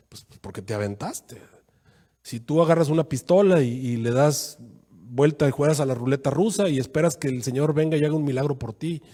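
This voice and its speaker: A man preaching a sermon as pastor, acting out quoted voices with sudden jumps in pitch. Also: mellow, breathy edge.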